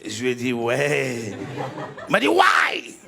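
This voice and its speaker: A man doing a stand-up routine, telling stories animatedly and shouting out his punchlines. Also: mid-range voice, slow, gravelly. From Ivory Coast. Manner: animated storytelling, shouting out punchlines and acting out characters. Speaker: stand-up comedian. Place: stage before a live audience.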